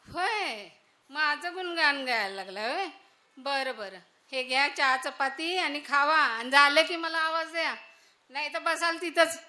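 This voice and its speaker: A woman doing a snappy young village daughter-in-law, bright high voice. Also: unhurried, full character voice. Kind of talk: solo stage monologue.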